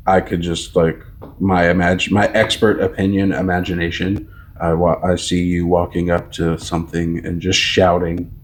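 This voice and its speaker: A man in his thirties with a very low, deep voice, chatting casually as a podcast co-host. He rambles through his points with plenty of fillers and restarts. He often acts out conversations in a louder voice. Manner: rambling, filler-heavy, mimics kids loudly. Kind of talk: casual chat.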